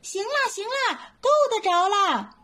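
A woman voicing a frightened, excitable little boy monkey who cries out in squeals and whines. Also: very high-pitched, normal speed, voice pushed up. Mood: eager.

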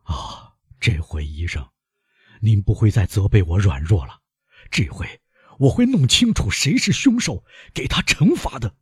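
A man's voice: sits low, animated, unhurried, mellow, husky, dry recording, studio quality, exaggerated voice. A man voicing a desperate middle-aged prosecutor who cries out in alarm. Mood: vengeful. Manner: desperate, crying out.

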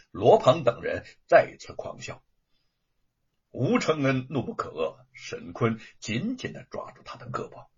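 A man narrating a historical tale in an expressive, dramatic storytelling manner. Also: mid-range voice, husky, lo-fi sound.

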